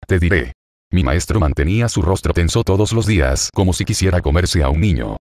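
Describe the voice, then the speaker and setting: A flustered young female ninja apprentice from a web novel, read by a man in his own low voice. She talks in quick, apologetic bursts, and the sound is dry and close. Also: lively intonation, darkish tone, no echo.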